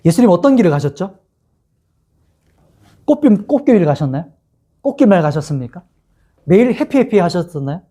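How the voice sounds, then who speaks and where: A man's voice: high voice, dark tone. A male pastor giving an expository sermon to young adults, telling the story and asking the listeners rhetorical questions.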